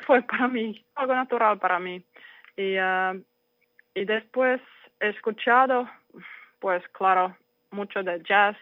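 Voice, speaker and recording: A Finnish musician answers slowly and haltingly, stopping often to hunt for the next word. The voice comes through a thin, phone-like line with a dry, close sound and no room around it. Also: mid-range voice, no room sound. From Finland. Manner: halting, searching for words with many pauses. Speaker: guest jazz saxophonist. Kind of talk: interview answers in a learned language.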